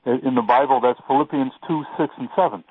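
A male radio caller speaking over a tinny tin-can phone line, quoting scripture and pausing often with "you know". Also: medium pitch, breathy edge, no room sound. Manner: halting, many "you know" fillers. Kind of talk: casual call-in talk, quoting scripture.

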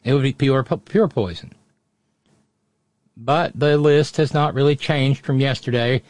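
Sardonic male commentary host, casual delivery, medium pitch, dry recording. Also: a little slow, darkish tone, dry recording. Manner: sardonic, mocking. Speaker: host of political commentary show. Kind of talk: casual live political commentary.

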